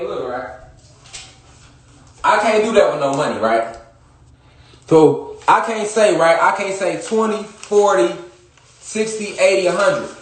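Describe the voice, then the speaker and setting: A man's voice: high voice, fairly bright tone. A man talking straight to his listeners in a casual monologue, emphatic and profane, repeating his points again and again. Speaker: social media commentator. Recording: echoey room.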